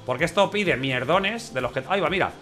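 A high-pitched man talks through a game in a loose, chatty way, keeps checking in with his viewers and breaks into excited outbursts. Faint music plays under his voice. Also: fairly quick. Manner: chatty, says 'vale' and 'ojo' often, excitable outbursts. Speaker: gameplay channel host. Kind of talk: casual gameplay commentary.

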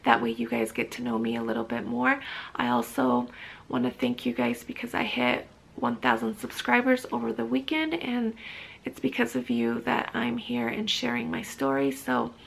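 A woman's voice: on the high side, normal speed, vocal fry, breathy edge, poor audio. A woman in her thirties chatting casually to camera from a living room sofa, rambling with frequent restarts and ums. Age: 30s. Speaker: vlogger.

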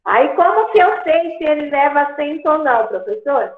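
A woman's voice: high voice, animated, moderate pace, echoey room, narrow, tinny audio. A woman teacher explaining grammar patiently to a class over a video call, checking in with "tá?" as she goes. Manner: patient, repeats points with "tá?".

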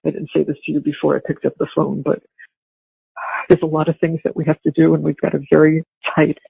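An older woman talking casually over a tinny payphone line, husky and gravelly, hesitant with restarts. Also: low voice, little pitch movement, brisk, no echo. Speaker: caller on a recorded jail phone call. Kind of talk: casual phone conversation. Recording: dry, tinny phone-line audio.

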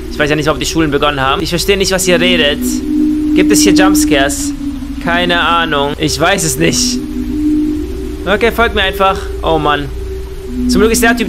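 A young man doing excitable Let's Play commentary, full of exclamations and questions and sprinkled with English slang. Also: fairly high pitch. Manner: mixes English slang into German. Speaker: gaming YouTuber.

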